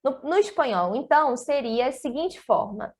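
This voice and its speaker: A woman teaching an online language lesson, speaking slowly and carefully and drawing out syllables for students to repeat. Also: high voice, expressive. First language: Portuguese. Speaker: Spanish teacher.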